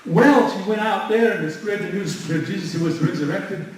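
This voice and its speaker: A man's voice: high voice, normal speed. A man giving a conversational religious lecture in a mosque hall, often searching for words. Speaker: mosque speaker. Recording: very echoey hall, far mic.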